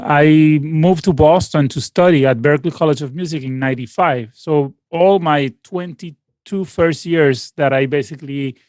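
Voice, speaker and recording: A man's voice: a little high, a little mellow, no echo. A Venezuelan man in his late forties, a musician answering interview questions in a rambling, casual way with many restarts and fillers. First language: Spanish. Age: 40s. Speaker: guest musician. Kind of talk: casual interview over a call.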